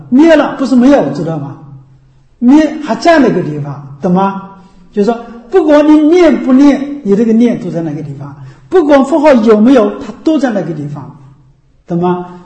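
A man's voice: sits high, warm tone. A man teaching as a Buddhist teacher in a dharma talk. He explains things over and over and keeps checking with his listeners. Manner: repetitive, explanatory. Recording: echoey room.

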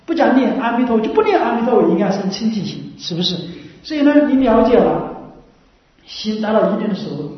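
A woman giving a Buddhist dharma talk who explains in a repetitive way and keeps asking listeners short rhetorical questions. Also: fairly high pitch. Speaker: Buddhist teacher. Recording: very echoey room, mic far off, dull lo-fi sound.

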